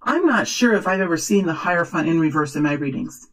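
A woman speaking as a fortune teller, improvising a tarot reading in earnest, halting, repeated short phrases. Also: lowish voice, animated. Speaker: tarot reader, host.

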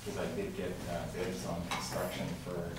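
Man speaking at a council meeting, low voice, flat delivery, echoey distant room, noisy. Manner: halting, many fillers and restarts. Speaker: public commenter at a city council meeting. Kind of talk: public comment. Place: large council chamber with tall windows. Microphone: room mic from far off. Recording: echoey chamber recorded from far off with noise.

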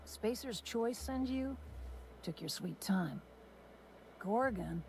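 A bitter, sardonic ex-scientist. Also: female voice, medium pitch, lively intonation, slow pace, creaky, darkish tone, slight background noise. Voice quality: dry, sardonic, world-weary. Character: bitter, sarcastic former testing supervisor woman. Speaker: game character.

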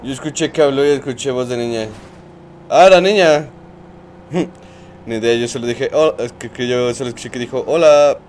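A man's voice: medium pitch, fairly even intonation, brisk, a little mellow, slight background noise. A young man with a Mexican accent, chatting casually and joking while reading his stream chat aloud. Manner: joking banter, reads chat aloud, slangy.

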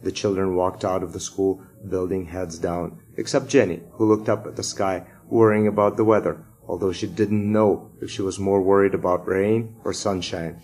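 A man reading a children's chapter book aloud to sixth graders in a steady, measured way. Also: low-pitched, poor audio.

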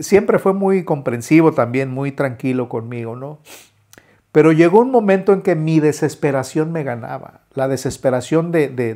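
A man, a musician telling his own life story in a halting way, with many restarts and filler words. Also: mid-range voice, darkish tone. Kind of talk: personal storytelling.

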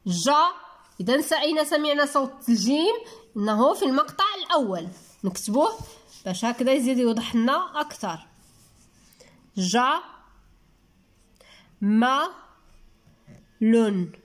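A woman with a Moroccan accent teaches young children to read, her voice pitched high above the usual. She slows right down on key words and stretches them out syllable by syllable, then explains calmly before moving on. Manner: drawn-out, syllable-by-syllable word spelling. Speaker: primary school teacher. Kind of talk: reading lesson for young children.

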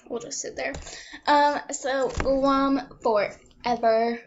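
A high-pitched young woman chats slowly and giggles her way through a rambling home vlog, often poking fun at herself. The recording sounds a little muffled, with a faint hiss behind her voice. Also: a little mellow. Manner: giggly and self-mocking. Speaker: vlogger. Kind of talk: rambling casual vlog chat. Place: at home with a dog nearby.

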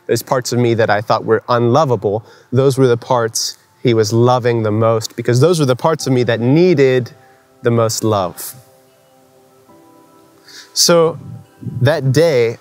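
A young man giving an earnest personal faith testimony at a conference, telling his story conversationally with frequent fillers. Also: mid-range voice. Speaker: conference speaker.

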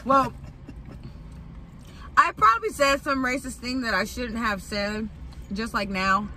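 A woman's voice: fairly high pitch, a little slow. A woman, hosting a mukbang, chatting casually while eating and playfully mimicking people. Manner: animated, mimics voices, playful. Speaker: mukbang host.

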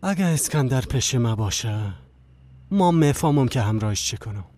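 A man dubbing a calm, devout older father who patiently counsels his son with a story. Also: mid-range voice, natural voice. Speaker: dubbing actor. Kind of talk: dubbed TV drama.

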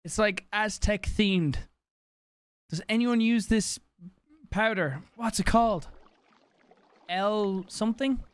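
Young guy streamer reading off donations, kinda high clear voice, dead dry mic. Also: no echo. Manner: rattles off donor names and thanks in a quick loose patter. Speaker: livestreamer. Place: small home streaming room, indoors. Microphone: studio mic on boom, headphones on.

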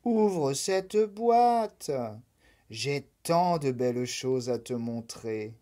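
A woman voicing a gentle, patient female spirit of the Night, soft and coaxing. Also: a bass voice, lively intonation, very slow, heavily acted. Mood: persuasive.

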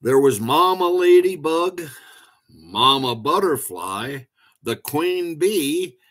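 A man reading a children's story aloud in a deliberate storytelling manner. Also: a little high, expressive, fairly bright tone.

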